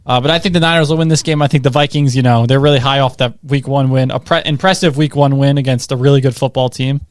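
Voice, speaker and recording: A young man co-hosting a casual sports podcast, excitable and rambling with lots of "like" and "I think". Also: mid-range voice, fast, no echo. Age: young adult. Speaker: co-host.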